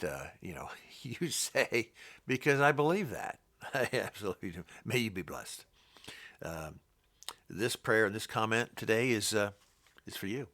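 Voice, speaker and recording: A man with a deep, low-pitched voice and a gravelly, creaky edge works through a Bible passage, stopping to comment as he goes. His delivery is halting and rambling, full of restarts and doubled words. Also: fairly bright tone. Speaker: Bible teacher.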